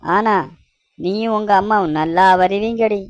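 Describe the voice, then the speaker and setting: A woman's voice: mid-range voice, unhurried, no echo, lo-fi sound, close to an everyday voice. A woman voicing a bewildered, grumbling young husband in a cartoon, complaining sarcastically. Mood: exasperated. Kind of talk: cartoon voice acting.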